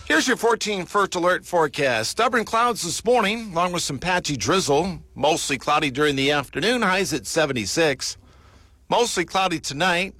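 A man's voice: on the high side, lively intonation, moderate pace, pushed and bright, no echo, faint music behind. A male meteorologist reading a radio weather forecast.

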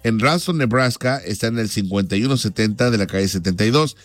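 A man's voice: lowish voice, expressive, fast, no room sound. A man hosting a radio show, joking with callers and reading sponsor ads in a casual, slangy way. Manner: joking, chatty, slangy Mexican Spanish. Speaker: radio host. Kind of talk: casual radio chat and live ad reads.

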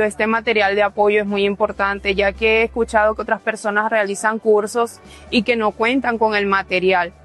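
A woman from Venezuela giving a grateful, hesitant testimonial. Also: mid-range voice. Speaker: course participant.

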